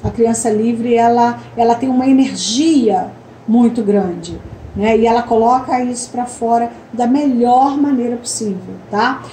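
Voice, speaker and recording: A woman's voice: fairly high pitch, warm tone. A middle-aged woman coach giving an online lesson, explaining step by step and often checking in with short tag questions. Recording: echoey room, faint background noise.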